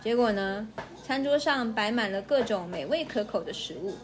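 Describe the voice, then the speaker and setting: Animated woman reading fables to a child. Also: on the high side, moderate pace, noisy background. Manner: animated, sing-song, coaxing.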